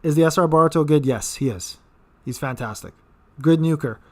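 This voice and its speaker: A gaming channel host in his late thirties answers viewer questions on a casual live stream, speaking briskly. His voice is a little high for a man, and he rambles, tripping over repeated words and filling gaps with "um" and "uh."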